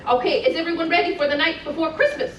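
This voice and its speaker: A woman's voice: very high voice, fast. A woman playing Mrs. Claus, a cheerful, doting wife of Santa, telling a storybook tale live to children in an encouraging, sing-song way. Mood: cheerful, chatty. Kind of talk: live storybook reading to an audience. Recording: echoey room, distant mic, crowd noise.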